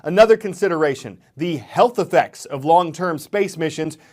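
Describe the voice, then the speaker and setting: An anchor reads a scripted news segment in a measured, clear voice, with pitch in the middle range. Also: animated, a little mellow.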